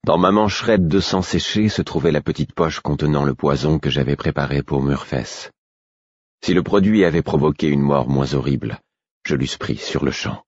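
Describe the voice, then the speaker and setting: A man narrating a novel in the first person, with a husky voice and a measured, introspective reading. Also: very deep voice, a little mellow, no room sound, highs cut off. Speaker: audiobook narrator.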